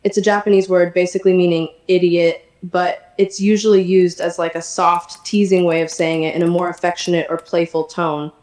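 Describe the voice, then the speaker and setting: A synthetic text-to-speech woman's voice playing a sassy, energetic female poodle chatbot, chatty and teasing. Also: fairly low pitch, normal speed, hardly any pauses, echoey room. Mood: playful.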